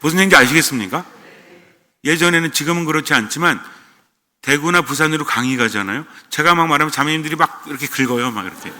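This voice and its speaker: Male priest, standard Seoul-style accent, very bright tone, conversational sermon, long church reverb. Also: a little high, quick pace. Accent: standard Seoul-style Korean. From Gyeonggi Province, Korea. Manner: conversational, asks the congregation questions.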